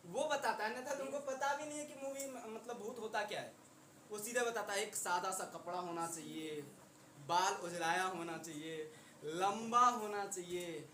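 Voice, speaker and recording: A man's voice: very high voice, pushed and bright. A male teacher gives a chatty classroom lecture. He keeps quizzing his students with rhetorical questions. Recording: roomy classroom echo, faint noise.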